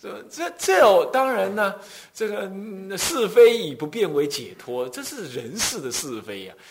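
A middle-aged male Buddhist abbot with a Taiwanese Mandarin accent, giving a dharma talk as animated storytelling. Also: sits high, unhurried, a little hiss or hum. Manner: animated storytelling, acts out quoted voices.

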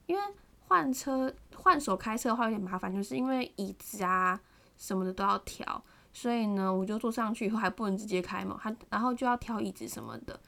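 A young woman hosting a podcast, telling a personal story in an animated, casual way, often acting out someone shouting. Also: medium pitch, brisk, vocal fry. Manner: animated, mimics a shouting partner, many fillers. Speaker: podcast host.

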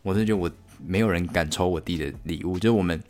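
Low-voiced young man telling family stories. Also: racing, darkish tone. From Taiwan. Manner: rambling, self-correcting, acts out family voices in high squeals. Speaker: podcast host. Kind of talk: casual solo podcast storytelling.

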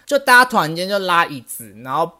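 A man's voice: sits high, fast. A man co-hosting a podcast, telling a story in casual chat and acting out other people's lines as he goes. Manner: animated, acts out others' lines while telling. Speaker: podcast co-host.

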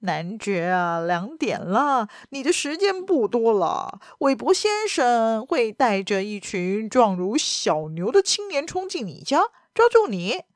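Woman voicing a bold gentleman thief, curt, commanding, lively pitch, dry close sound. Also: measured pace, hardly any pauses, dry recording. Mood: threatening.

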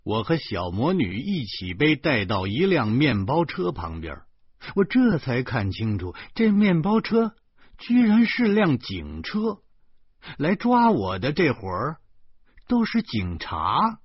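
A man narrating a novel in the first person, lively and exclamatory. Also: medium pitch, takes it slowly, breathy edge, dry recording. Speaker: audiobook narrator. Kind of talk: storytelling narration. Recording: dull lo-fi recording.

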